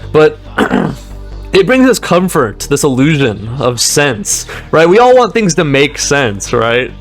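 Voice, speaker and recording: A young man in a rambling, meandering monologue, often restarting sentences and laughing between points. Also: mid-range voice.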